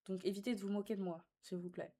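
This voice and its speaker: A young woman live streams, teasing her audience and tossing around slang as she switches between reading out comments and replying to them. Her voice is mid-pitched and mellow, steady in tone, and quick.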